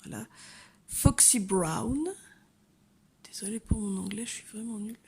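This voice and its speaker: A woman's voice: mid-range voice, little pitch movement, fast talker, creaky, mellow, a little hiss or hum. A woman chatting casually as she colors, filling her talk with hesitations and asides. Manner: chatty, many fillers, talks to her cats. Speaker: coloring channel host. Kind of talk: casual coloring tutorial chat. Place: home room with window.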